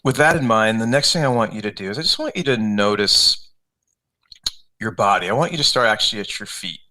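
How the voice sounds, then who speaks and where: A man coaching a guided meditation gives unscripted, conversational step-by-step instructions with gentle repetition. His lowish voice is brisk, with lively intonation.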